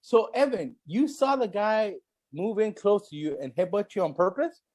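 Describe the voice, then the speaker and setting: A man's voice: sits high, expressive, moderate pace, darkish tone. A man hosting a casual chat with a teasing, slangy frat bro manner and free swearing. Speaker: show host.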